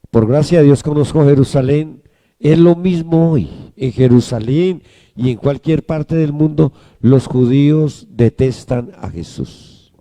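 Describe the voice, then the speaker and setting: A man's voice: a little high, dark tone. A man preaching a sermon as pastor, emphatic and calling on the congregation to answer back. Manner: emphatic, calls the congregation to respond.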